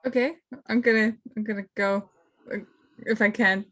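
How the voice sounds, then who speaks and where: A woman's voice: medium pitch, steady tone, moderate pace, fairly bright tone, no room sound. A woman playing a tabletop game, giving short replies to the game master. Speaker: player. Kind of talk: casual tabletop game chat.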